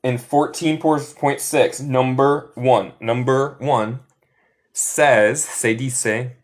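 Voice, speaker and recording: A man teaches through in a live online lesson, speaking at a very slow, unhurried pace. His pitch sits in an ordinary middle range. He drills phrases patiently and switches easily between the two languages. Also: fairly even intonation. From United States. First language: English. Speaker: English teacher.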